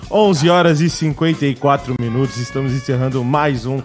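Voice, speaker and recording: A man's voice: mid-range voice, normal speed, soft background music. A man from hosting a radio show, giving announcer-style wrap-ups and plugs in a casual chat.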